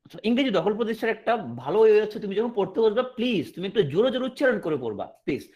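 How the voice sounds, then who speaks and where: Lively male English teacher, animated. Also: high-pitched, slightly rough. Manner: explains in a question-and-answer rhythm, repeating and checking understanding; reads English sentences slowly and deliberately, then translates. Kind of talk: online class lecture.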